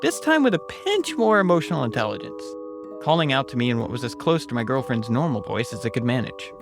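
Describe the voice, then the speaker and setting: A man's voice: medium pitch, very animated, quick pace. A man reading a scripted first-person horror story as its narrator. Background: music.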